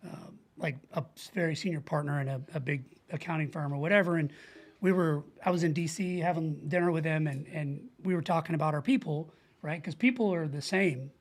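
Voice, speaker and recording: Speaking informally in an interview, a middle-aged American leadership coach appears as a podcast guest. His voice is fairly high, and he explains points earnestly with quick examples from everyday life.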